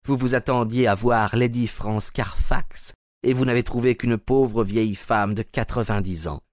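A man's voice: mid-range voice, steady tone, measured pace, no echo, lightly acted. An actor playing a hostile, sarcastic man who taunts and blusters, in a dry studio recording. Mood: mocking. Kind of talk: audio drama acting.

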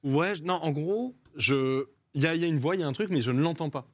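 A man's voice: a little high, quick pace, no room sound. A man in a casual group chat, explaining his thoughts with restarts and hesitations.

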